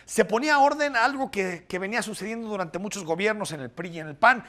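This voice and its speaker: A man delivering scripted news commentary, explaining and listing points briskly. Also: high-pitched, a bit bright.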